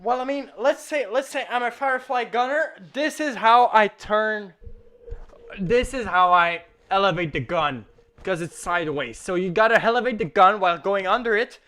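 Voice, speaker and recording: A drunk livestream host rambling and swearing through casual commentary, getting drunker and prone to excitable shouting. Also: medium pitch, normal speed.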